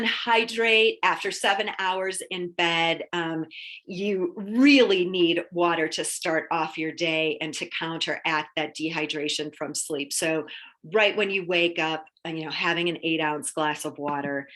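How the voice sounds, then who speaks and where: A woman's voice: sits low, steady tone, a little slow, fairly bright tone. A woman presenting sleep and wellness tips in an informal webinar, explaining in a conversational, encouraging way. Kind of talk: informal webinar talk through a list of tips.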